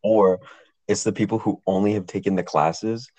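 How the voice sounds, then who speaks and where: A man's voice: on the low side, steady tone, moderate pace, dark tone, dry recording, poor audio. A young man co-hosting a casual podcast, telling stories animatedly and swearing freely. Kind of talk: casual chat.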